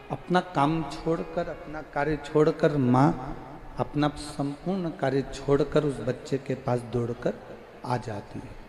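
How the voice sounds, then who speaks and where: Male preacher, slow and repetitive, middle pitch, roomy hall sound. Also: a little mellow. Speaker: preacher of religious discourse. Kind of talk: devotional sermon with chanted verse. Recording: echoey hall with faint music.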